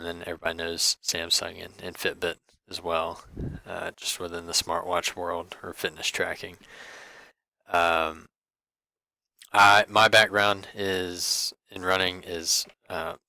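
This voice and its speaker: A young man giving a class presentation over slides, halting and full of fillers and restarts. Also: low voice, bright, forceful tone, dry recording. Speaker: student presenter.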